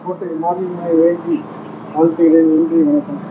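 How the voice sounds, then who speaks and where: A man with a high voice gives a short formal greeting full of blessings. The recording is dull, with clear noise from the gathering behind him. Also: flat delivery, moderate pace. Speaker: former temple trustee. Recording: dull, noisy event recording.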